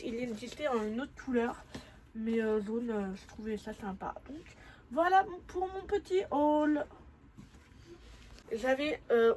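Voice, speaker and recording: Young female vlogger, mellow and slightly high voice, rambling casual delivery with lots of fillers. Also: a little hiss or hum, low-quality recording. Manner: chatty, many fillers and self-corrections. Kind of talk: casual travel vlog chat.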